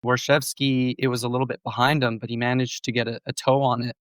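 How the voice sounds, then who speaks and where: On a casual sports podcast, a man still shaking off a cold, his voice mending, co-hosts and carefully analyzes match plays in a measured way. His medium-pitched voice has little pitch movement and a clean tone in a dry recording.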